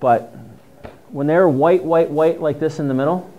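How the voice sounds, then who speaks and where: A fairly high-pitched middle-aged man with a New England accent speaks at a moderate pace, chatty and enthusiastic, as he instructs a mushroom foraging class with slides in a dim classroom with a projector screen. The far camera's lo-fi sound carries slight background noise.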